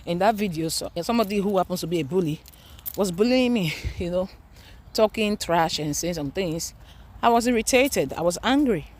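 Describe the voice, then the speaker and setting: A woman's voice: lowish voice, animated, normal speed, a little mellow. Earnest Nigerian mom lecturing her viewers. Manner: earnest, emphatic, repeats for stress. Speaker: mother and vlogger. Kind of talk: casual preachy talk to camera. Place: outdoors in a park, walking.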